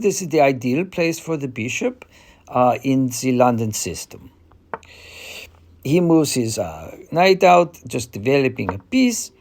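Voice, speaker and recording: A man playing a confident chess player with an Eastern European accent, explaining a game in a deliberate, hesitant way. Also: mid-range voice, a little mellow. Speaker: chess player giving a tutorial.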